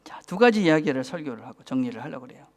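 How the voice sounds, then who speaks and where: A man's voice: fairly high pitch, sing-song, very fast. A man in his forties with a Busan accent, a pastor preaching a sermon, often asking the congregation for agreement and dropping to a whisper for emphasis. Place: church.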